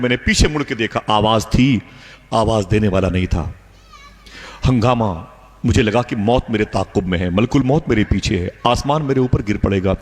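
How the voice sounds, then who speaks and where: Male preacher, impassioned storytelling sermon, mid pitch with dramatic high peaks, hall reverb. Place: live religious gathering.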